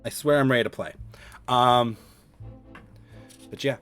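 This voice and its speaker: A man's voice: mid-range voice, fairly bright tone, clean tone, faint music behind. A man narrating as game master of a streamed tabletop game, chatty and self-deprecating. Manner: chatty, self-deprecating, quick to laugh at himself.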